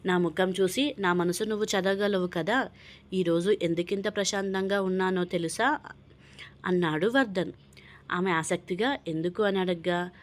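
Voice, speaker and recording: A woman reading a dramatic family story aloud as storyteller, giving every character's lines in her own narrating voice. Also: on the low side.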